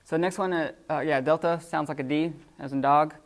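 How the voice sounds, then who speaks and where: A man teaching a classroom lesson off the cuff, halting with many fillers and restarts. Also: fairly high pitch, steady tone. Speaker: Greek teacher.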